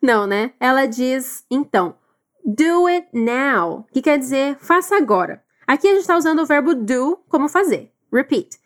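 A woman teaching English, encouraging listeners and drilling phrases slowly for them to repeat. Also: high voice, animated. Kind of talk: recorded language lesson.

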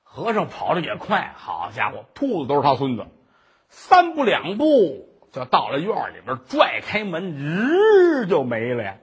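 A man telling a traditional Chinese story in a dramatic, animated way. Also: a little high, unhurried, slightly rough. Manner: animated, dramatic, many voices.

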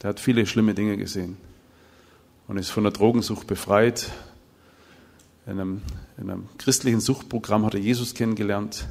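A man's voice: lowish voice, moderate pace, gravelly, long pauses. A middle-aged man preaching and telling stories, acting out the dialogue of the people in them. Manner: animated storytelling, acting out dialogue. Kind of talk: sermon with told stories. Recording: hall with long reverb.

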